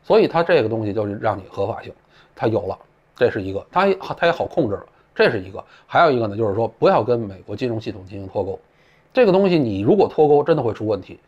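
A man's voice: lowish voice, very animated, fast, slightly rough. A man giving blunt, casual spoken commentary, colloquial and peppered with profane asides. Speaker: political commentator. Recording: dull lo-fi audio.

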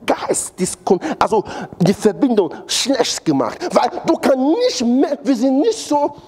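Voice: mid-range voice, big pitch swings, a little slow, a little mellow. A preacher giving a sermon in a church, repeating phrases for emphasis and asking the congregation to fill in missing words. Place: church hall.

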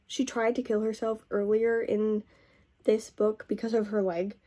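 A woman's voice: medium pitch, level tone, measured pace, dark tone. A woman book vlogger in a casual review chat, retelling a plot in a rambling way and saying "like" often.

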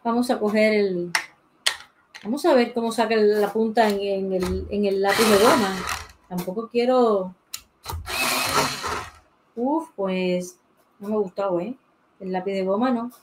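A woman's voice: mid-range voice, steady tone, unhurried, pauses often, noisy background. Chatty woman teaching drawing live. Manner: chatty, thinks aloud while drawing, greets viewers by name. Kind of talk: casual live drawing tutorial. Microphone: desk mic beside the pencil sharpener.

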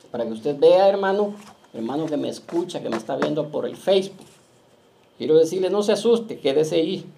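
A male pastor preaching to his church, often checking in with the congregation and slowing down to read scripture aloud. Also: a little high, animated, creaky, a little hiss or hum. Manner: keeps asking the flock "¿verdad?"; reads scripture slowly and loudly. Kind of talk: Pentecostal-style sermon. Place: church in Las Vegas.

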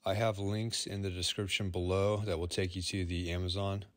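Chill plumber guy, real low voice, reviewing a tool. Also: flat delivery, moderate pace, no room sound, studio quality. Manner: easygoing, plain-spoken. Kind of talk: product review voice-over.

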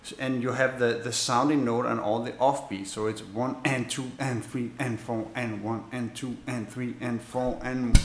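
Man teaching bass in an echoey room. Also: steady tone. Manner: halting, many fillers and restarts, counting beats aloud. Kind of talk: instrument lesson demonstration. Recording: roomy echo with loud bass playing.

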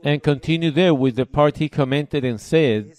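A man from Puerto Rico preaching a sermon, reading passages aloud and explaining them in short, deliberate phrases. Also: a little high, darkish tone. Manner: measured, emphatic, pauses between short phrases. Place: church service.

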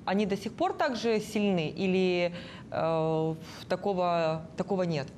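A woman's voice: fairly low pitch, measured pace, darkish tone, slight background noise. A woman in her thirties puts formal political interview questions as a TV host, on a lapel microphone in a studio. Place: indoor TV studio.

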